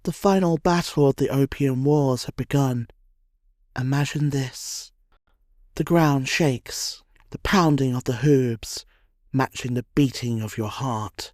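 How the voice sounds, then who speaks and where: A man narrating a history documentary from a script, in a measured, dramatic storytelling cadence. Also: medium pitch, a little mellow, no room sound, clean studio sound.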